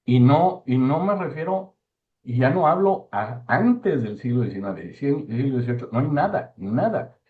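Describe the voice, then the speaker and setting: A man giving an informal talk, halting and repeating words for emphasis. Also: medium pitch, very animated. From Mexico. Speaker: speaker giving a talk on postal history. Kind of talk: informal lecture discussion. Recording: thin phone-like online call audio.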